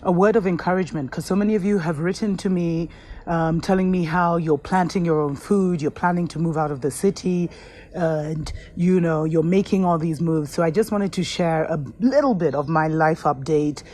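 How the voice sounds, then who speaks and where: A woman hosting her own show, giving earnest, unhurried spiritual encouragement to viewers with soft asides. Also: on the low side. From Kenya. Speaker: host.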